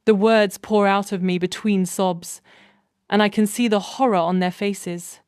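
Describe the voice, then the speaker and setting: A woman reading a scripted first-person story in a measured, even way. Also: mid-range voice, clean tone, no room sound, studio quality.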